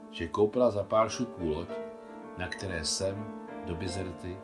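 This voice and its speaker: A man with a very low voice reads a novel aloud. His narration is calm and measured, unhurried from line to line. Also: over music. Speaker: translator reading his own translation. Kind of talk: audiobook narration.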